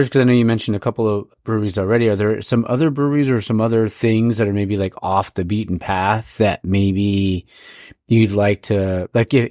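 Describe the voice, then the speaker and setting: Laid-back low-voiced podcast host. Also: male voice, a little mellow, no room sound, studio quality. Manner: rambling, filler-heavy, enthusiastic. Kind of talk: casual chat.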